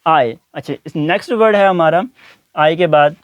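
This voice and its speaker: Man teaching English words, high-pitched voice, repeats each word slowly, dry close recording. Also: smooth, dry recording, highs cut off. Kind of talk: explaining pronunciation to learners.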